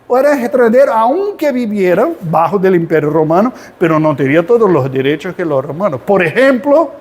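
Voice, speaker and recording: A man teaching a Sunday school Bible class in an animated way, often asking the class rhetorical questions. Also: high voice. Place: church classroom.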